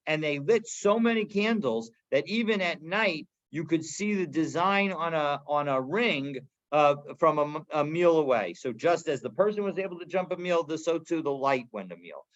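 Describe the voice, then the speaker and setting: A man leads a daily Talmud class, reading Aramaic phrases aloud and explaining them line by line in a slightly high, animated voice at normal speed. He speaks casually with hardly any pauses, many restarts and fillers, and the recording sounds dull and lo-fi.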